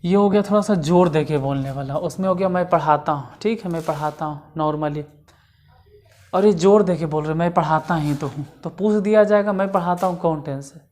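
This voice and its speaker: A woman's voice: on the low side, normal speed, a little mellow. A woman explaining English grammar in a casual lesson, repeating examples step by step.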